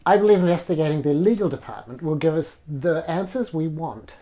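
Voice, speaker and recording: A man's voice: on the high side, a little fast, mellow, close to an everyday voice. A man reading the lines of the investigator hero of a video game in his own voice.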